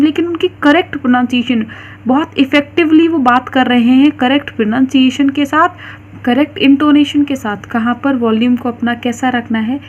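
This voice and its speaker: Lady teacher, high voice, reads english slow then explains in hindi, kinda muffled lo-fi audio w faint noise. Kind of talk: online class lecture. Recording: dull lo-fi recording, faint noise.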